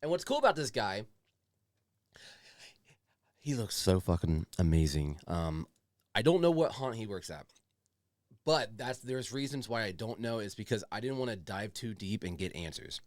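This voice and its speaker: Lively, rambling male podcast host. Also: on the low side, normal speed, long pauses, dry recording, studio quality. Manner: rambling, profane, slangy with frequent "dude". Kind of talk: casual podcast chat.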